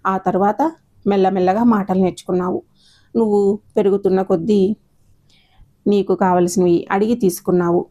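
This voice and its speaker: A stern older mother lays down the rules to her daughter in a low, even storybook voice, reproachful and lecturing, as a woman reads her part. The tone stays mellow and unhurried throughout. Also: highs cut off, lightly acted. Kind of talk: storybook narration, acted dialogue.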